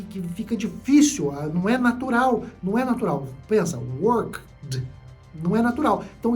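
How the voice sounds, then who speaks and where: A male English teacher explains pronunciation rules in an online lesson, repeating himself and often checking that the listener is following. His voice is mellow, with a lively rise and fall in pitch. Faint music plays underneath. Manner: explanatory, repeats key points, frequent "né?" and "tá?" checks.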